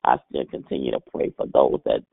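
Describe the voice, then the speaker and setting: A man's voice: a bass voice, steady tone, fairly quick, vocal fry, husky, no room sound. A man leading a morning prayer line, praying fervently and repeating "Lord God" after nearly every phrase. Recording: tinny phone line.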